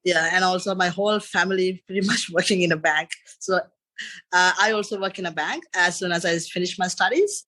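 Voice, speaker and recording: A high-pitched, fairly quick man in his thirties with a sharp tone and a Sri Lankan accent, appearing as a podcast guest. He tells his story in a casual, rambling interview chat, leaning heavily on "and after that" and "you know."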